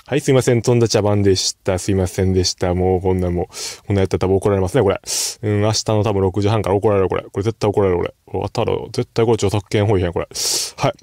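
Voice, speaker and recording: A man with a Kansai accent talks fast and loosely through his horse-racing bets, rambling and poking fun at himself. His voice has a gravelly fry. He is recorded close and dry, with no room sound. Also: sits low, fairly even intonation, mellow, no room sound. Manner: rambling and self-deprecating, often apologizing. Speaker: host. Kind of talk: casual horse-racing betting commentary.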